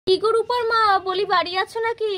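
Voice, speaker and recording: A woman voicing a hurried village milkwoman. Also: extremely high pitch, fairly bright tone, a little hiss or hum, voice pushed up. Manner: hurried, protesting, repeats words. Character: busy village milkwoman who owns a naughty cow, defensive. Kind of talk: toy-house puppet play.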